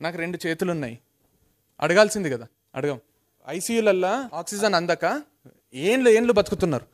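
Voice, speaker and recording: A man tells a motivational story with emphatic repetition. His voice sits high and he talks fast. He slips English phrases into his talk. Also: expressive. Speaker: motivational speaker.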